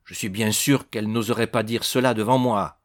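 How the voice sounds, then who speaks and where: A man's voice: lowish voice, steady tone, moderate pace, natural voice. A man doing an evasive bandit suspect. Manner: evasive, defensive answers.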